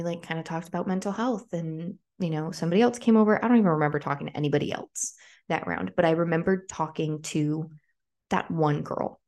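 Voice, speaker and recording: A young woman in her twenties talks through a personal story on a podcast, her voice sitting a little low for a woman. She rambles casually, leans on "like" as a filler, and slips into quoted voices as she goes. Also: darkish tone. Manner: chatty, frequent "like" fillers, acts out quoted voices. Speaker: podcast host.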